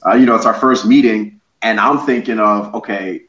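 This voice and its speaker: A man's voice: lowish voice, steady tone, normal speed, fairly bright tone. A man from Ohio, a former coach, talking energetically and rambling a little in a casual interview. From Columbus, Ohio, USA. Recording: roomy, slightly dull audio.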